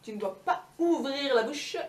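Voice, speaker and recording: A woman voicing a slow, solemn giant tortoise, drawn-out and high, in an echoey room from a distance. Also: animated, darkish tone.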